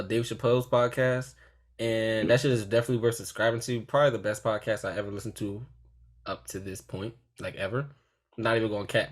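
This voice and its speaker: A man's voice: lowish voice, a bit bright. A tipsy man co-hosting a casual podcast, rambling loosely with plenty of slang and swearing. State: a little tipsy. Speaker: podcast co-host. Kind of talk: casual, profane podcast chat.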